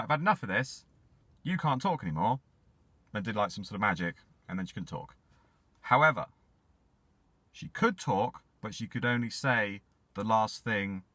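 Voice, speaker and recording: A man casually retelling an old myth as a comic story, full of deadpan asides. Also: deep voice, dry recording. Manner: jokey, deadpan asides, rambling.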